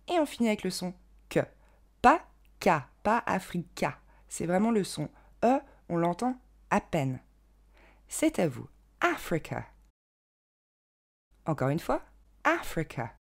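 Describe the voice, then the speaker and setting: A young woman giving an online pronunciation lesson, carefully modelling each word slowly and clearly. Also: fairly low pitch, darkish tone. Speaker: English pronunciation teacher.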